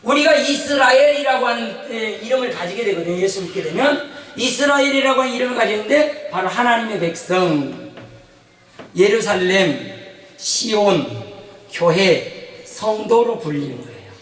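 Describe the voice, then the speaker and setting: A male pastor giving an animated sermon in a church, questioning the congregation as he tells stories. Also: sits high, normal speed. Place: church sanctuary. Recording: echoey church hall, mic from a distance.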